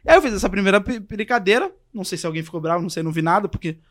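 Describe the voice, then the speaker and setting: A man's voice: sits high, rapid-fire. A young man casually telling a story on a podcast, acting out the quotes and voices of the people in it. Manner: animated, acts out quotes and voices. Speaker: podcast guest.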